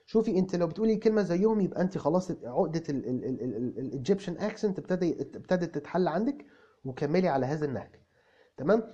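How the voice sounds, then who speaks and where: A man's voice: on the high side, animated, very fast, warm tone, slightly rough. A man with an Egyptian Arabic accent playing a self-assured young English tutor who stammers through restarts and explains with repeated examples. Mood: breezy, explaining. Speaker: English tutor answering viewer comments. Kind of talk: comic video lesson. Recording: dull lo-fi recording.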